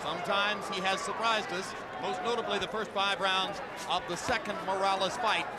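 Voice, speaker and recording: High-voiced male boxing commentator over roaring crowd. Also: fairly even intonation, normal speed. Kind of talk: live sports commentary. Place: ringside in arena, crowd behind. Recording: loud crowd noise at ringside.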